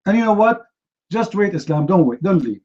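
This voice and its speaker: This debate host, a native Arabic speaker, has a high-pitched, sing-song, slightly mellow voice and a brisk pace. Combative and mocking in a heated online debate, he hammers his opponent with repeated demands, and the stream audio is dull and lo-fi.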